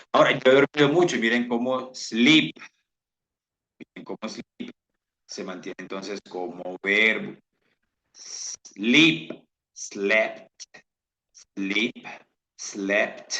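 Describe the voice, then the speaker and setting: Slow, bright-voiced male teacher, echoey lo-fi. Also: fairly low pitch. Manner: slow, repeats example sentences aloud. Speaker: English teacher. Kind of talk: bilingual classroom lesson. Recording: roomy, dull lo-fi sound.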